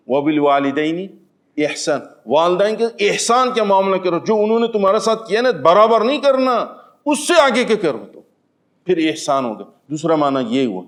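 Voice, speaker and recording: A man giving a spoken religious lesson to an audience. He poses questions and answers them himself with everyday examples, swinging between raised emphatic lines and low, quiet asides. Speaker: Islamic teacher giving Quran commentary.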